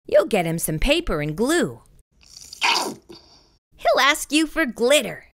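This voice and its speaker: A middle-aged woman reading aloud to young children in an expressive storytime voice, as a children's host. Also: fairly high pitch, slow, dry recording, clean studio sound.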